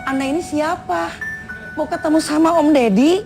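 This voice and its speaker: A woman's voice: sits high, normal speed, creaky, over music. A woman playing a flustered young receptionist who fields a visitor in a TV studio sketch.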